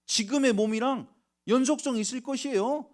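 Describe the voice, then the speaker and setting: A middle-aged male pastor preaching a sermon, telling stories with sudden shifts between hushed whispers and loud outbursts. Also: extremely high pitch, brisk. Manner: storytelling, swings from quiet whispers to loud emotional outbursts.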